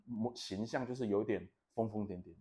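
A man's voice: fairly low pitch, a little fast, warm tone. A man, hosting a casual podcast chat and telling rambling stories that he laughs at himself. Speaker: podcast host.

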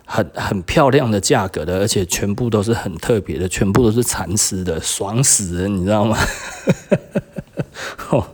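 A man's voice: lowish voice, a little fast, hardly any pauses, husky. A middle-aged man with a Taiwanese Mandarin accent, chatting casually as a podcast host and shop owner, laughing often. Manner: chatty, laughs often, quotes others in lively bursts.

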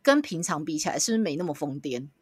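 A woman's voice: low voice, quick pace, husky, no room sound, studio quality. A woman co-hosting a podcast in casual chat, telling stories and laughing a lot. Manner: lively, laughs a lot, storytelling. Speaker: podcast co-host. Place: small wooden-walled room at home.

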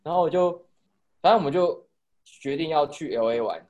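A man's voice: a little high, expressive, a little fast, darkish tone, highs cut off. A young man with a Taiwanese Mandarin accent, telling a rambling story in casual podcast chat with a lot of swearing.

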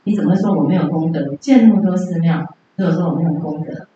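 A woman's voice: lowish voice, fast talker, dark tone, distant mic, slight background noise, close to an everyday voice. A woman voicing a boastful proud emperor. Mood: indignant. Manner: self-important, demanding. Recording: very echoey, dull lo-fi room.

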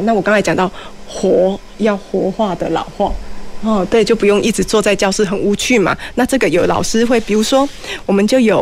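A woman's voice: medium pitch, darkish tone, a little hiss or hum. A middle-aged woman with a Taiwanese Mandarin accent, explaining things casually and chattily, slipping into Hokkien and asking rhetorical questions. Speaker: community college teacher, guest speaker. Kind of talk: casual explanatory talk on a show.

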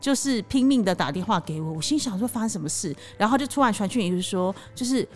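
A woman, co-hosting a casual chat show and telling a story with animated, teasing delivery. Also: medium pitch, fast, soft background music. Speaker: podcast co-host.

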